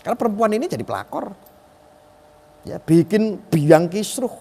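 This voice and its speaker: A man's voice: sits high, sing-song, moderate pace, creaky, a little mellow, slightly rough, in a large hall. A middle-aged man giving emphatic live-stream commentary, asking rhetorical questions and acting out quoted voices.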